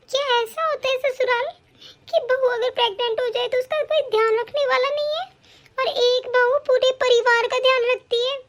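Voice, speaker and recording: A woman plays a pregnant young daughter-in-law in an animated story, neglected by her family. She speaks in a plaintive, pleading way, and her voice is very high and thin. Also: slight background noise.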